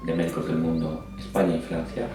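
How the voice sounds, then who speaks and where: A man calmly explaining an upcoming regional meeting in a measured interview manner. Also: a bass voice. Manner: measured, explanatory, listing facts. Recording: roomy, distant mic with background music.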